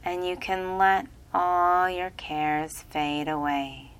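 A woman reading a guided relaxation hypnosis script in a slow, soothing, repetitive way. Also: low voice, a bit bright, smooth.

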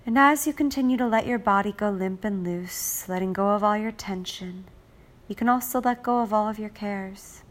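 A woman reading a guided relaxation script in a slow, soothing, repetitive way, like a hypnotist. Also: mid-range voice.

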